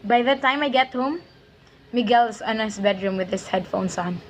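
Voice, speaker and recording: A woman's voice: a little high, normal speed, a little hiss or hum, lightly acted. A woman playing a tired Filipino immigrant mother who works long shifts at a shop counter, speaking with a Filipino accent in a weary, wistful tone. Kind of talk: student dramatic reading.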